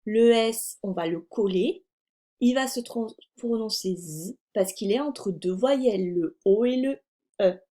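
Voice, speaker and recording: A woman's voice: medium pitch, slow pace, mellow. A woman teaching young children in a French accent, patiently spelling out sounds and words one at a time. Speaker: primary school teacher. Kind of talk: slow, clear lesson for young children.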